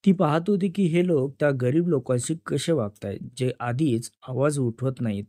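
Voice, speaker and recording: A man narrating a dramatic story in a steady storytelling manner. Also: mid-range voice, normal speed, dry recording, clean studio sound.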